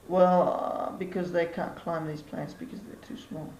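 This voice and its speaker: A man's voice: fairly high pitch, level tone, normal speed, a little mellow, natural voice. A man playing a vague, forgetful plant professor who hesitates and forgets names. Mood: hesitant. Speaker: mock expert interviewee. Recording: roomy with faint background noise.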